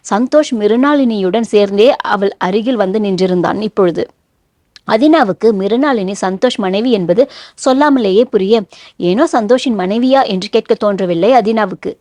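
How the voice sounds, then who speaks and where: A woman narrating a novel in a steady storytelling manner, recorded close to the mic. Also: mid-range voice, dry recording. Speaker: audiobook narrator.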